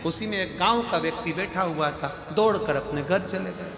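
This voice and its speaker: A man telling humorous stories in a devotional sermon, animated and playfully mocking. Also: high voice, normal speed, creaky. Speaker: preacher and storyteller. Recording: echoey hall with faint music.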